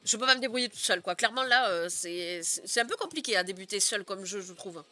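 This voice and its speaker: A woman's voice: medium pitch, lively intonation, fast talker, pushed and bright, soft background music. A young woman streamer chatting casually with her viewers, giggling often and filling her talk with "euh" and "genre". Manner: chatty, giggly, many fillers. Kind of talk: casual live stream chat.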